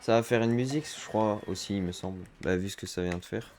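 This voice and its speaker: A man's voice: fairly low pitch, quick pace, darkish tone, a little hiss or hum. A man giving chatty let's-play commentary as a gaming streamer, reacting aloud to the game and dropping English slang.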